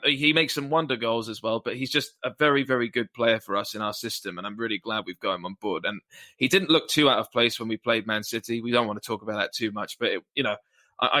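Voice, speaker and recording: Man, fan podcast panelist, bright tone, a bit low, hedges and rambles. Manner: hedging, restarts often, rambling opinions. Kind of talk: casual fan podcast chat.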